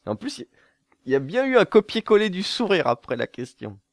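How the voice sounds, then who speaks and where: A man's voice: high-pitched, big pitch swings, a little fast, no echo, clean studio sound. A young man from southern France answering viewer questions to camera in a casual, jokey way, laughing at his own jokes and stumbling over fillers.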